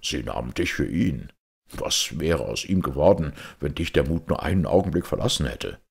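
A man doing a soft-spoken weary old knight. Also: animated, moderate pace, gravelly, husky, heavily acted. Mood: tender. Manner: low, soft-spoken, moved. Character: aged grieving knight, tender and weary.

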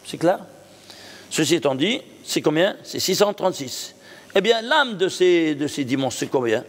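A man's voice: on the high side, very animated, normal speed. A man, a rabbi teaching a Torah class, who poses questions and answers them himself and keeps checking that his listeners follow. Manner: checks understanding with the audience. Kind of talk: Torah lesson on numerology. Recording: long reverb of a hall.

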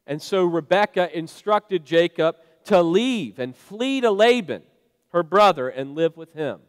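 A man's voice: sits high, animated, unhurried, clean tone. A man preaching a sermon in a conversational, storytelling way, with frequent fillers. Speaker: pastor. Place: church sanctuary. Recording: long church reverb.

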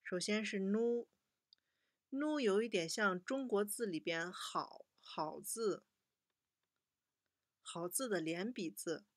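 A patient young woman teaches children in a close, dry recording. She talks at an even, middling pitch and slows right down whenever she models a word for the kids to repeat. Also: no echo. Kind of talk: children's language lesson.

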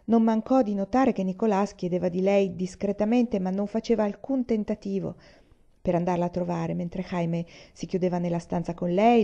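A woman narrating a novel in a calm, measured reading, in a dull lo-fi recording. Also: medium pitch. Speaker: audiobook reader. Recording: dull lo-fi audio.

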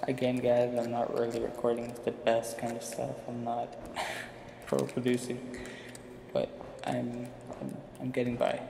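A man's voice: medium pitch, completely flat delivery, measured pace, creaky, noisy background. A young man giving rambling, informal gameplay commentary as a YouTuber, with a slight speech impediment from wearing a retainer. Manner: rambling, informal, self-deprecating. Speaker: gaming YouTuber. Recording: roomy, echoing sound with music behind. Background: music.

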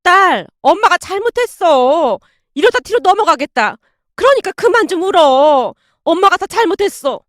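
Casting: a woman doing a shrill, bossy older mother-in-law, very high and loud, dry close sound. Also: sing-song, moderate pace, no room sound, exaggerated voice. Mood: pleading. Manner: scornful, shouting.

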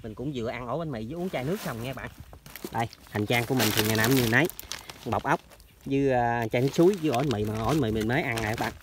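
A man talks quickly and steadily as he walks through rural orchards and along canal banks. He speaks straight to his viewers in a chatty, casual way. Clear outdoor noise runs behind his voice throughout the recording. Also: medium pitch. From southern Vietnam. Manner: chatty, addresses viewers constantly. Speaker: trapping vlogger. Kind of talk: casual outdoor vlog narration. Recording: noisy outdoor field recording.

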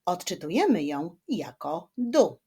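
A woman teaching children to read, speaking slowly and carefully and drawing words out syllable by syllable, gently encouraging her young viewers. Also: lowish voice, very animated, breathy edge. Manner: slow, carefully spaced speech, stretching words syllable by syllable. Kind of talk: children's reading lesson.

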